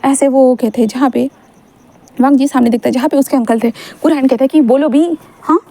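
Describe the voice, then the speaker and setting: A woman's voice: sits high, steady tone, brisk, vocal fry, mellow. A young woman casually narrating her own story aloud in a chatty, rambling way, often correcting herself mid-sentence.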